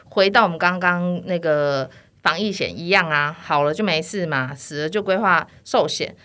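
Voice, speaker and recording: A woman's voice: on the low side, normal speed. A woman, an insurance agent telling stories in casual podcast chat, laughing often. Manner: lively storyteller, often laughing.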